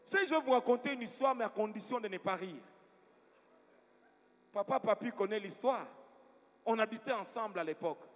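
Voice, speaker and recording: A man's voice: sits high, moderate pace, pauses often. A man preaching a sermon as pastor, telling stories and asking the congregation for responses. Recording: long hall reverb.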